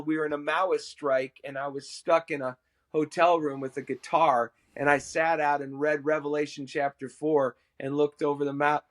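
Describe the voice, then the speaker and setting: Guesting on a podcast, this middle-aged worship musician recounts something from his own life, lively and clearly amused at himself, in a voice on the high side.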